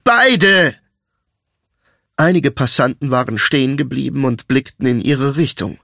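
A man narrating a fantasy audiobook in an even, measured storytelling voice. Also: mid-range voice, gravelly, no room sound, studio quality.

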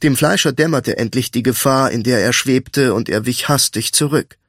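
A man reads a fantasy audiobook in an even, measured way. His mid-range voice sits close to the mic in a dry, dead studio sound. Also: medium pitch, dry recording. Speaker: audiobook narrator. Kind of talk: scripted fantasy narration.

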